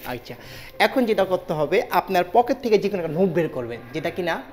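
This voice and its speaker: A woman with a fairly low voice works as a magician in the manner of a kids party act. She chants magic words and coaxes her participant along with interactive show patter. Music plays under her voice. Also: big pitch swings, fairly quick, a little mellow. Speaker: stage magician performing tricks for a participant.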